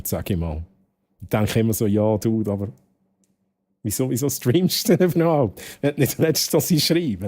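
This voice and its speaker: A man's voice: on the low side, mellow. A man with a Swiss German accent chatting casually with his livestream viewers, rambling and repeating phrases, with some English words slipped in. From Switzerland. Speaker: game livestreamer. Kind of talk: casual chat with stream viewers.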